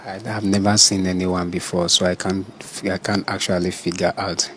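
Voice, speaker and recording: A man's voice: low-pitched, little pitch movement, normal speed, slight background noise. A man from Nigeria being questioned, answering in a hesitant, evasive way and stumbling over his words. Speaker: interviewed suspect.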